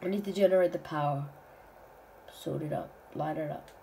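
A woman's voice: low-pitched, normal speed, vocal fry, dark tone, a little hiss or hum, pitched below the performer's own voice, low-quality recording. A woman voicing a grown male armored hero in a homemade toy-play drama, giving short, terse commands. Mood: commanding.

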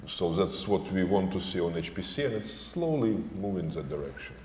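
A man on a conference panel, speaking with halting repeats as he makes his point. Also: low-pitched, sing-song, mellow. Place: large conference hall stage. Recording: echoey hall with faint room noise.

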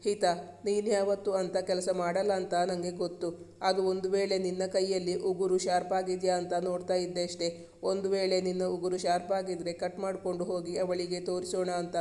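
A man reading the part of a caring young husband in a storybook, speaking softly and earnestly. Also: sits high, completely flat delivery, moderate pace, close to an everyday voice. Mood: tender, reassuring. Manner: soft, soothing and earnest. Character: caring protective young husband, gentle but firm.

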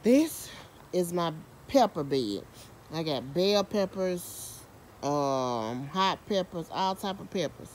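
Lively in intonation but slow in pace, this woman's lowish, slightly mellow voice carries an outdoor garden tour filmed on a handheld phone camera. As a home gardener and vlogger, she chats, pokes fun at herself, and uses Southern US slang. Slight background noise is present.

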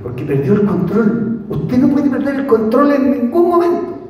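A man's voice: extremely high pitch, very animated, normal speed, highs cut off. A man with a Chilean accent preaching a sermon, emphatic and repetitive, asking rhetorical questions of the congregation. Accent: Chilean Spanish. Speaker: pastor. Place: church hall. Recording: echoey church hall, voice from far off.

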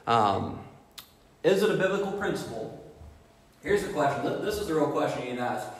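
Brief: male pastor, emphatic rhetorical preaching, roomy echo. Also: a little high. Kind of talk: sermon. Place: church sanctuary. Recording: echoey hall reverb.

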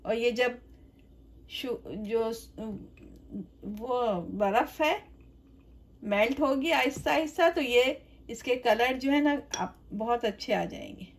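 A woman hosting her own cooking channel, explaining a recipe step by step in a gentle, chatty way, with blessings and greetings to her viewers. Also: fairly high pitch, takes it slowly. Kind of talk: home cooking tutorial voice-over. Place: home kitchen.

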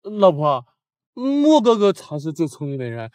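An actor playing a clingy young husband who acts simple-minded, with a childish, pleading manner. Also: male voice, on the high side, very animated, unhurried, a little mellow. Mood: pleading, childlike. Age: young adult. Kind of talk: short romantic drama acting.

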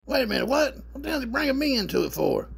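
A man hosting a show, adding sarcastic deadpan commentary over a clip. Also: very high voice, racing, vocal fry, husky. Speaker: show host.

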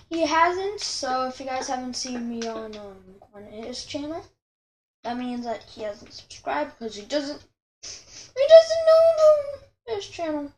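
A woman's voice: on the high side, roomy sound, slight background noise. A woman hosting her channel, chatting casually with viewers as she draws, rambling and often correcting herself. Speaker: channel host. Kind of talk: casual commentary while drawing.

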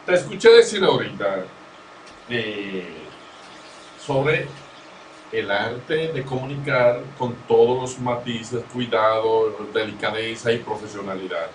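A man's voice: mid-range voice, slow. A man hosting an interview and asking long, winding questions. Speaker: interview host. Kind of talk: conversational interview. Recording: echoey, distant mic with clear background noise.

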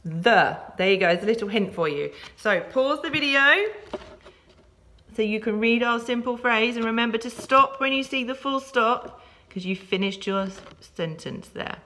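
A woman's voice: fairly high pitch, normal speed, pushed and bright. A woman teacher giving a home-learning phonics lesson to young children, upbeat, encouraging and sing-song. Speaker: primary school teacher.

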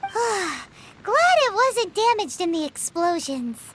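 A woman voicing a tiny, chirpy, fussy fairy companion in an anime-style video game, with a squeaky childlike manner. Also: sing-song, slow pace, fairly bright tone, a little hiss or hum, exaggerated voice. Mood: fussing. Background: game music.

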